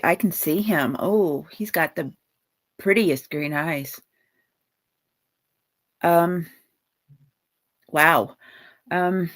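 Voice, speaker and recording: A woman hosting a live psychic reading, talking in a halting way and searching for words. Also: lowish voice. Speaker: psychic medium host.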